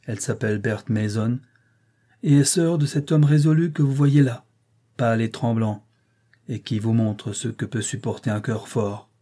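A man voicing a proud, brooding nobleman with a forceful, impassioned delivery in an audiobook reading. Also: medium pitch, normal speed, natural voice. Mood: bitter. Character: brooding proud older nobleman, bitter and defiant.

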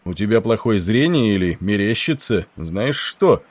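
A man reading the part of a gruff, impatient senior naval officer who barks orders. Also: lowish voice, animated, normal speed, no room sound. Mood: grumbling.

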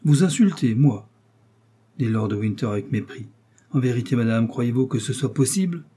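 A man voicing a cold, mocking English lord who speaks with sardonic, quietly menacing calm; his voice is husky. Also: medium pitch, fairly quick, close to an everyday voice. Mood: contemptuous.

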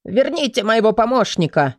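A man's voice: high-pitched, sing-song, moderate pace, no room sound, clean studio sound, pitched above the performer's own voice. A woman doing a frantic grey-haired investigator. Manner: frantic, shouting and muttering. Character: panicked grey-haired male investigator, stubborn.

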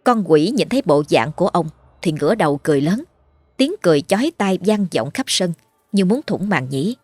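Husky woman narrating a horror story. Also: lowish voice, very animated, brisk, darkish tone, no echo. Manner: dramatic, vivid storytelling. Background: faint music.

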